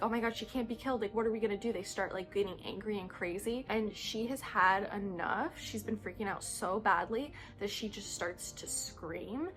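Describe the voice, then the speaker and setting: Excitable young woman gushing about books. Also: mid-range voice. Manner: excitable, heavy use of "like". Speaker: book vlogger. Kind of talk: casual book recap.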